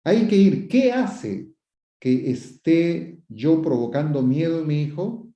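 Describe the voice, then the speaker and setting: A man's voice: fairly high pitch, lively intonation, slow pace, mellow. A psychotherapist answering viewers' questions, a man who explains with many repetitions and rhetorical questions. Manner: quotes questioners and acts out sample phrases. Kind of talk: advice talk. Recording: roomy, dull lo-fi sound.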